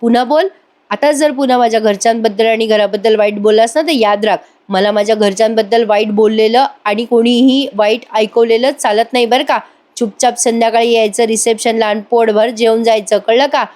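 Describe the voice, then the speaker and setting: A man's voice: very high-pitched, fairly even intonation, a little fast, darkish tone. A woman voicing a hot-tempered young village man. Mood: threatening. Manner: threatening, blunt.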